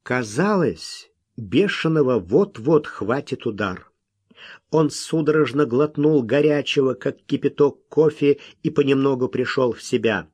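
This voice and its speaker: A man narrating an audiobook in an expressive, unhurried way. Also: medium pitch, slightly rough. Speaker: audiobook reader.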